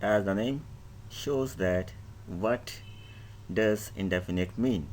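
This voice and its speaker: A man gives an English grammar lesson in a slow, careful pace and a somewhat low voice. He reads out each definition and then explains it again in his own words, stepping through word lists and example sentences one at a time. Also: a little mellow, a little hiss or hum. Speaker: English teacher.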